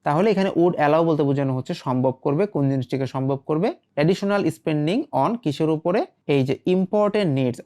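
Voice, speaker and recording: A man gives a rapid explanatory language lesson. He reads out short English phrases, glosses each one, and keeps the flow going with rhetorical questions that he answers himself. His delivery is quick and steady throughout. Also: a little high. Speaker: English teacher.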